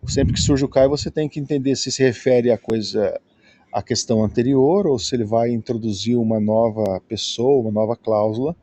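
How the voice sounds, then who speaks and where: A man's voice: medium pitch, fairly even intonation, brisk, mellow, dry recording. A Brazilian man giving a patient, explanatory lesson, often checking in with his listeners. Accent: Brazilian Portuguese. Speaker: Greek teacher.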